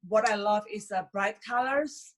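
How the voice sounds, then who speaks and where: Speaking a little slowly in a mid-range voice, this woman from Indonesia is a fashion influencer being interviewed. Her casual answers are chatty and packed with "like" and "you know."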